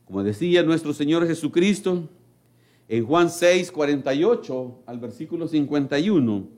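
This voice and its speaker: A man's voice: lively intonation, normal speed. A man preaching a sermon, emphatic and acting out the voices of people in his stories. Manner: emphatic, with big swings in pitch and loudness.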